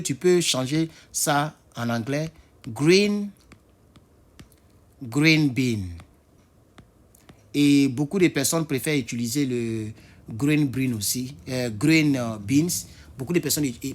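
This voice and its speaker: Chatty French-speaking male English teacher. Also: on the high side. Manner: spells words out letter by letter, repeats them slowly; chatty, talks to viewers directly. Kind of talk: casual spoken lesson.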